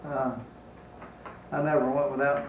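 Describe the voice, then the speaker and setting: An elderly man with a Southern US accent remembers his time as a soldier in a halting, unscripted way. He speaks slowly and evenly, with long pauses. The recording is roomy and distant from the mic. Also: medium pitch, little pitch movement, a little hiss or hum. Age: 80s or older. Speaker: war veteran being interviewed. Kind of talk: unscripted reminiscence in an interview.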